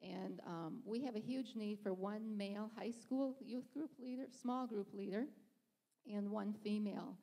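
A middle-aged woman giving church ministry announcements from the stage on a handheld mic, earnest and halting with lots of ums. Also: medium pitch, warm tone. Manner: earnest, hesitant, frequent ums. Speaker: children's ministry leader. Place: church stage, large sanctuary. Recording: long hall reverb in a sanctuary.

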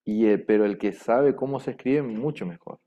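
A man teaching a language class, repeating words slowly and carefully and dictating them for students to write down. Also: mid-range voice, mellow. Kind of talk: slow repetitive language class. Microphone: microphone. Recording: dull lo-fi room microphone.

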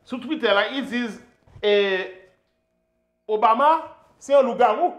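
Man acting very high-pitched shopkeeper. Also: expressive, measured pace, fairly bright tone, full character voice. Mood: agitated. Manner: stammering, repetitive. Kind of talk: sketch comedy acting. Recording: roomy indoor sound, faint music.

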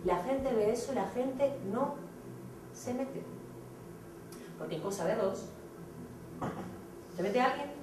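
A woman in her thirties with an accent from Spain, giving a blunt, animated theatrical monologue to students. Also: a little high, slow, long pauses, background noise. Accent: Spain Spanish. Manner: animated, blunt, acts out scenes. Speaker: speaker addressing students. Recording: echoey hall from far off.

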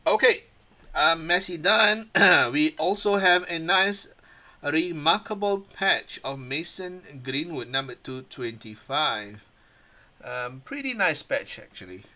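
Guy hosting a card break, slow and bright, reading names off one by one, a bit hoarse. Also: fairly high pitch, animated. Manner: reads out player names one by one. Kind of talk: casual card break commentary.

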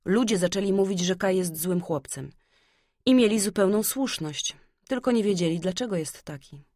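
A woman narrating a fairy-tale audiobook in a calm, measured storytelling manner. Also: medium pitch, dry recording, clean studio sound.

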